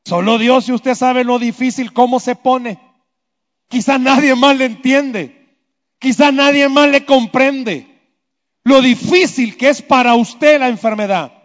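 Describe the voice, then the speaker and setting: A man preaching a sermon, swinging between loud emphatic lines and hushed low ones. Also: a little slow. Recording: echoey hall, dull lo-fi sound.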